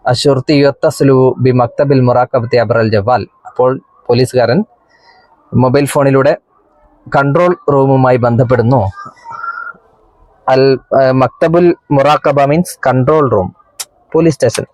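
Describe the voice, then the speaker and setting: A male teacher with a Kerala accent walks through a textbook play. He reads each line, then translates and explains it in an even, mid-pitched voice. He is recorded on a close mic in a dry room with no echo. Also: a little slow, long pauses.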